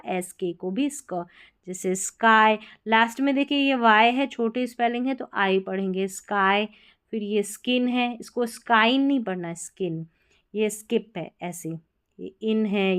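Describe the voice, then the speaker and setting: A woman teacher walks through phonics patterns one by one, repeating each rule patiently and checking in often. Her voice sits a little high and sounds smooth and clean, recorded close to the mic. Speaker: English reading teacher. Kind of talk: step-by-step phonics lesson.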